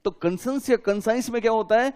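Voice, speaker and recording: A man's voice: very high-pitched, a little fast, a little mellow, clean tone. A man lecturing a class, asking his students questions and repeating key terms for them to write down. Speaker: teacher.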